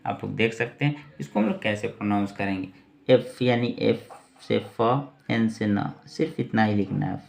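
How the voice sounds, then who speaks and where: A man's voice: mid-range voice, vocal fry. A man teaching English words to Hindi speakers, spelling each word out letter by letter and repeating it, often checking in with "theek hai". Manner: keeps checking in with "ठीक है". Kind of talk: spelling and vocabulary lesson.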